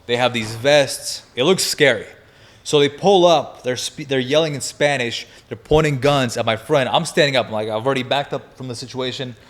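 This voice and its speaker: A man in his twenties, a podcast guest, telling a wild story in casual chat, energetic and profane, laughing as he goes. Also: mid-range voice, moderate pace.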